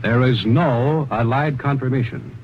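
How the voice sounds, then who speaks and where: A man reading a wartime news bulletin in a measured, formal announcer delivery, heard as an old 1940s radio broadcast. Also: medium pitch. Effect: old 1940s radio broadcast sound. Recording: lo-fi archival radio broadcast with faint hiss.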